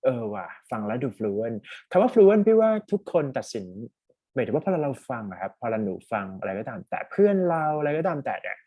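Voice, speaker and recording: A man's voice: medium pitch, very animated, fairly quick, warm tone, husky, dry recording. A Thai man coaching a student for a speaking exam, chatty and mixing English terms into his talk over a call. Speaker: IELTS speaking tutor. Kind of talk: casual one-on-one coaching.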